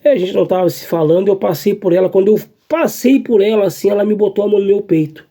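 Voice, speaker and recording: A man tells his church testimony in an earnest, halting way, circling back over his own phrases. His voice sits high yet mellow, with a husky, breathy edge. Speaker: church member giving a testimony.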